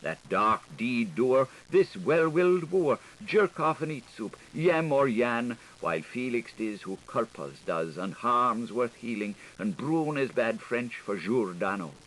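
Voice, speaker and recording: This audiobook reader, a man with a medium-pitched voice, performs experimental literary prose in a theatrical, playful style, giving the wordplay a rhythmic delivery. He is very animated and bright-toned, keeping a measured pace with few pauses. The audio is poor, a hissy older studio recording.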